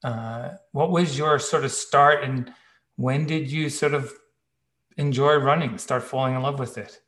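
A man's voice: medium pitch, fairly even intonation, measured pace, a bit bright. Echoey male interviewer, conversational. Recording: echoey room sound.

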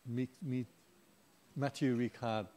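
A man's voice: mid-range voice, steady tone, takes it slowly, warm tone. A middle-aged man giving an informal Dharma talk as a Buddhist teacher, chatty and humorous, with playful asides to the audience.

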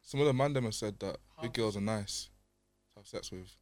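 A man's voice: fairly low pitch, a little fast, a little mellow, soft background music. A young man with a London accent and roadman slang, bantering casually on a group podcast. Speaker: podcast participant.

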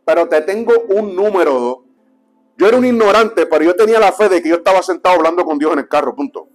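A young adult man, a preacher telling his testimony as a lively storyteller who acts out the dialogue. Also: fast talker, soft background music. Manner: animated storyteller, acts out dialogue and drops low for quotes.

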